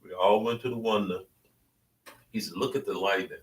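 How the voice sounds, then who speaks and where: A man's voice: fairly low pitch, moderate pace. An older man in his seventies from Louisiana with a Southern US accent, telling his stories casually in conversation. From Louisiana, American South. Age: 70s. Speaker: interview guest. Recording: roomy, distant mic, faint background noise.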